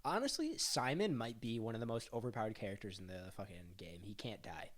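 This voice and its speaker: A man's voice: fairly low pitch, lively intonation, a little fast. A young man co-hosting a casual podcast chat, full of fillers and stammered restarts as he tells stories. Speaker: podcast co-host.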